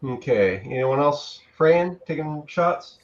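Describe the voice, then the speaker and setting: A man acting as game master, calmly making rulings in a tabletop game over voice chat. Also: fairly high pitch, slow, highs cut off.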